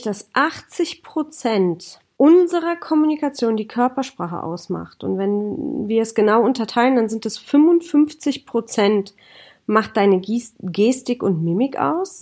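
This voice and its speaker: A woman's voice: a little high, a little mellow. A woman hosts a podcast in an informal lecturing style. She walks through her points as lists and keeps turning to the listener with direct questions. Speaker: podcast host.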